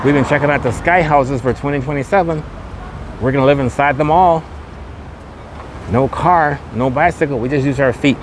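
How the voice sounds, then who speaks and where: A podcast host and vlogger guides a relaxed walking tour outdoors by a shopping mall, restating his points in typical guide chatter and pausing often. His medium-pitched voice moves at normal speed, captured by a wind-guarded camera microphone with gusty street noise behind him.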